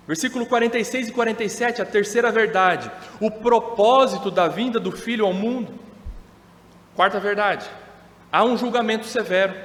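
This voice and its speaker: A Brazilian man preaching a sermon as pastor, measured and emphatic, slowing down to stress quoted words. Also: high voice, fairly bright tone. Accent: Brazilian Portuguese. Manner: measured, emphatic preaching with slow drawn-out quotations. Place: church hall. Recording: echoey church hall.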